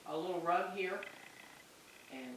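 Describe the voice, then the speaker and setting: A woman's voice: fairly low pitch, a little slow. An older woman showing visitors around her own home in casual, explanatory chat. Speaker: homeowner showing her house. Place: inside a house, away from mic. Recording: very echoey, distant mic, noisy room.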